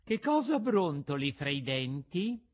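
A man voicing a gentle, patient motherly fairy woman in a storybook reading, soft, measured and admonishing. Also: on the high side, very animated.

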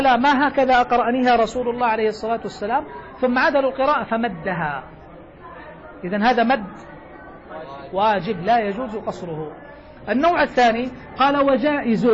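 A man teaching Quran recitation to a circle of students, quizzing them with short questions and reciting example verses slowly. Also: very high-pitched. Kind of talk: classroom lesson explaining a didactic poem. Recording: dull lo-fi class recording.

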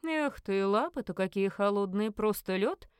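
A woman voicing a gruff, kindly chief investigator. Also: medium pitch, animated, moderate pace, no room sound, studio quality, lightly acted. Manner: gruff, stern but caring. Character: gruff but kindly middle-aged chief investigator, a father.

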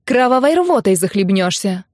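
A woman's voice: mid-range voice, big pitch swings, normal speed, no echo, clean studio sound, natural voice. Woman voicing a brash, combative young woman. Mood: threatening. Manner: rude and combative, shouting and jeering.

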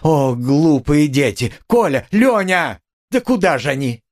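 A man voicing a proud, desperate poor widow woman who talks in a shrill, haughty way and screams. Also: expressive, unhurried. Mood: frantic shrieking.

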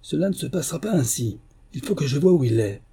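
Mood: menacing. Figure: a man voicing a hoarse, deep ghost samurai. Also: lively intonation, fast, warm tone, full character voice. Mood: muttering. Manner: commanding, growing furious.

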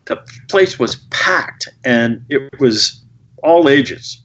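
A man telling stories as a guest in a podcast interview, animated and quick to swear. His voice sits at an ordinary pitch. The recording sounds dull and lo-fi. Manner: animated storytelling, swears freely. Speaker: film director guest.

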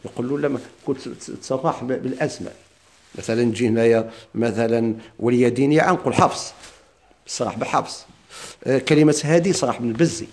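A man with a Moroccan Arabic accent, teaching Quranic readings in a classroom lesson and chanting verses slowly. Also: mid-range voice, darkish tone. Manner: explains in dialect, chants quoted verses slowly.

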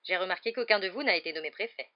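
A woman's voice: medium pitch, very fast, natural voice. A woman voicing a stern, scolding middle-aged mother in a storybook reading, with a slightly dull recording. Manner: sharp, scolding.

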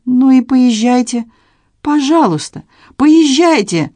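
A woman's voice: high-pitched, lively intonation, takes it slowly, dark tone, dry recording, pitched above the performer's own voice, full character voice. A woman voicing an anguished young married woman, a tearful daughter pleading with her mother. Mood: angry.

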